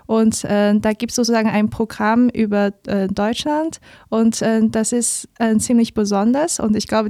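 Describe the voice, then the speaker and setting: A woman's voice: fairly high pitch, mellow, no room sound. A woman in her twenties from China, a native Chinese speaker with a Chinese accent, telling her story as a guest in a studio interview, careful and with many fillers. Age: 20s. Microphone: studio mic.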